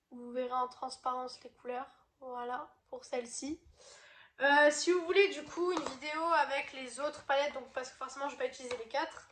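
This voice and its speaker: A beauty vlogger who is ill chats casually through a makeup review, her voice not sounding as it usually does. It comes out high-pitched, pushed and bright, with a little hiss or hum, and she hesitates with many fillers.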